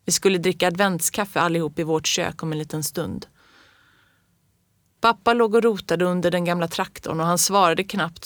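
A reader narrates a children's storybook in the first person of a child, with a calm and gentle, even delivery. The voice sits at a middle pitch. The recording is dry and close. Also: dry recording. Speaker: audiobook reader.

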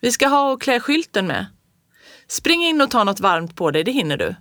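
A woman doing a brisk, kindly shop lady in a storybook. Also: fairly high pitch, very animated, a bit bright, dry recording, clean studio sound, pitched above the performer's own voice. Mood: brisk friendly. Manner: brisk, chatty, half-listening. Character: busy kindly village shopkeeper woman.

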